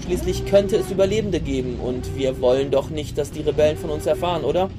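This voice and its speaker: An actor playing a calm, cultured and commanding space admiral in a sci-fi audio drama, speaking with measured, coolly didactic authority. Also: male voice, on the high side, close to an everyday voice. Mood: cool, assured. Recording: loud music behind the voice.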